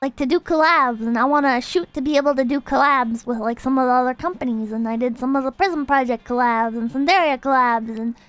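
A woman's voice: high-pitched, a little fast, few pauses, no room sound, faint music behind. A woman livestreamer with a cute anime-streamer voice, ranting casually to her chat in a blunt, profane, exasperated way. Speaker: VTuber livestreamer.

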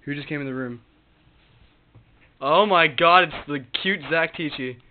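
A man's voice: fairly high pitch, unhurried. A man joking around and teasing friends in casual chat, often giggling and putting on a mock-formal tone. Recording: tinny lo-fi home video, faint hiss.

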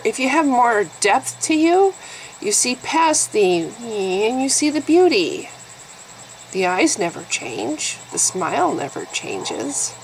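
A nasal-voiced woman in her fifties vlogs to camera with blunt, sarcastic candor. Her pitch rises and dips in big, lively swings as she talks. A faint background hum sits under her voice. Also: poor audio. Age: 50s. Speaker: YouTube vlogger. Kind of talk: candid talking-to-camera vlog.

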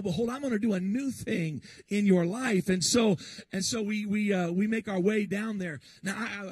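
Husky high-voiced preacher man. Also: no echo. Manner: animated, acts out quoted voices, frequent restarts. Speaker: pastor. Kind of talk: storytelling sermon.

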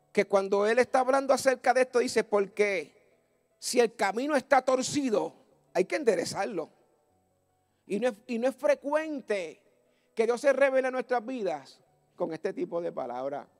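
High-voiced preacher man. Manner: fervent storytelling preacher, building to loud exclamations. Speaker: pastor. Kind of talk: Pentecostal sermon. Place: church service.

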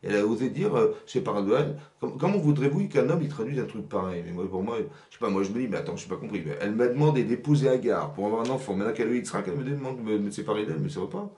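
A man giving a religious lesson to women as a rabbi, animated and often checking whether the audience has understood. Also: fairly low pitch, very fast, hardly any pauses, reverberant. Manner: animated, asks "vous avez compris?" often. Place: rented workshop room.

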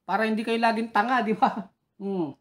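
A woman's voice: fairly high pitch, steady tone, brisk. A woman giving combative political commentary, taunting critics and challenging them directly. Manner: taunting, heckles critics and reads their names.

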